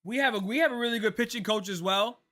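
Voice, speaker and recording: A fast-talking man in his late twenties with a high-pitched voice hosts a loose, casual stream. He reacts to a ball game and answers his chat in a relaxed, chatty style, saying "bro."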